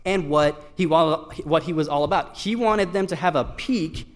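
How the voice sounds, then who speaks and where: A young man from Iran gives a devotional talk to a youth crowd in a casual, self-deprecating way. His voice sits a touch high, and he keeps restarting his sentences with fillers. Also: normal speed. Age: young adult. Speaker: student speaker at a youth gathering.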